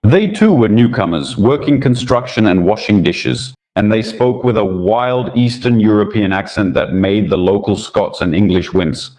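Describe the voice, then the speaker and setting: A man's voice: on the low side, a little mellow. A man hosting a commentary channel, talking in a sarcastic, indignant way, with Russian as his first language. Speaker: political commentator. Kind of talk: scripted commentary monologue.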